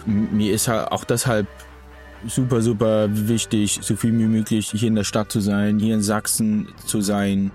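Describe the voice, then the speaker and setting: A man from Saxony who is a member of parliament, speaking in a measured, hesitant way in a documentary interview. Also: lowish voice, level tone, darkish tone, soft background music. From Saxony, Germany.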